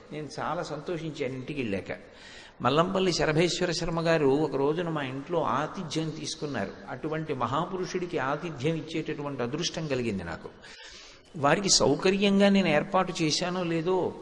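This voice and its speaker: A man giving a devotional discourse from a stage, telling anecdotes and reciting verses, stressing points by repeating words. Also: fairly high pitch. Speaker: spiritual discourse speaker. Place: stage before an audience. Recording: echoey hall with long reverb.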